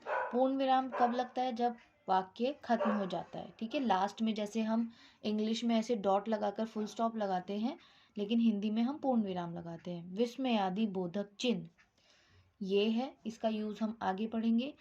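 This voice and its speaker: A woman's voice: fairly high pitch, normal speed, warm tone, highs cut off. A woman teaching a Hindi grammar lesson, explaining step by step, mixing English words into her Hindi and checking with "ठीक".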